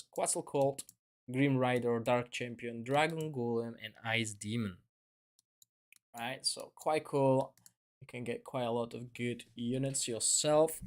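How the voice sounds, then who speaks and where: A man's voice: mid-range voice, a little mellow. Chatty man streaming a game. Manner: chatty, rambling with fillers and self-corrections. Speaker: gaming streamer. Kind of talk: casual live-stream commentary.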